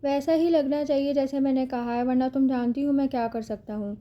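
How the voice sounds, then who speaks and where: A woman's voice: sits high, steady tone, natural voice. Woman doing nasty young kidnapper guy, threatening, mocking, dull lo-fi sound. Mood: menacing. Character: cruel vengeful young male kidnapper. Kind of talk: audiobook character reading.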